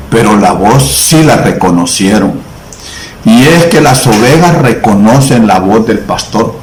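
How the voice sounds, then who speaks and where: A man from El Salvador preaching a sermon in a church, slow and emphatic with long pauses. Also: fairly high pitch, reverberant, a little hiss or hum, low-quality recording.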